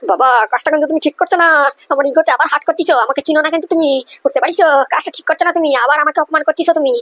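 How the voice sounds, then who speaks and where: A woman's voice: high voice, fairly even intonation, very fast, lightly acted. A woman playing an indignant young man who threatens his father over his share of the inheritance, in a comedy sketch. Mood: defiant. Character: defiant rebellious grown son, young man.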